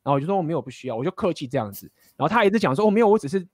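A man's voice: a little high, big pitch swings, very fast, breathy edge, no echo, clean studio sound. A man, casually telling stories and giving blunt, profane dating advice. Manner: blunt, profane, laughing often.

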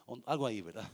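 A male pastor preaching a sermon with passion, calling out to the congregation and swinging from hushed to shouting. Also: mid-range voice. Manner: calls out to congregation.

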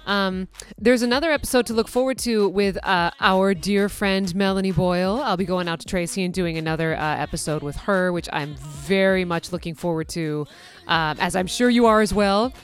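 A woman's voice: fairly low pitch, moderate pace, smooth. A woman hosting a casual storytelling podcast, a veterinary technician telling work stories in a chatty, self-deprecating way with many restarts. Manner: self-described nervous person.

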